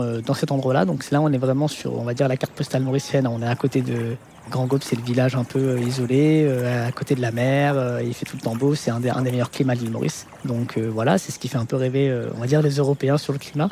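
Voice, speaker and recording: A man from France with a Parisian French accent, in his thirties, telling his life story in an interview and pausing often on fillers. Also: mid-range voice, gravelly, warm tone, slight background noise. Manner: hesitant, many fillers like "on va dire". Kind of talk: reflective personal testimony.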